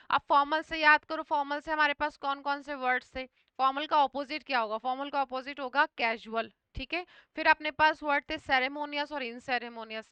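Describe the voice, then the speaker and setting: A woman's voice: high-pitched, bright, forceful tone, no room sound. A woman teaching English vocabulary for an exam in Hindi, mixing in English words and often checking in with her students. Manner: often repeats "thik hai" to check understanding.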